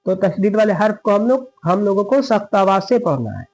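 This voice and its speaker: A man's voice: high-pitched, big pitch swings, a little mellow, rough recording. A male Quran teacher giving a tajweed lesson. He stresses the doubled letters, repeats words and corrects himself as he reads verses. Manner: explains quickly in Hindi, recites verses slowly and drawn out. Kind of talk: tajweed lesson with slow recitation.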